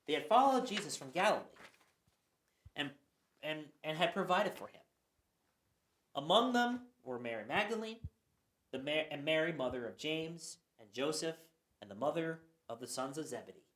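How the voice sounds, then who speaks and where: In an echoey room, a man with a fairly high, fairly bright and expressive voice narrates scripture for a church radio play. He reads earnestly at normal speed, with long pauses and the occasional stumble.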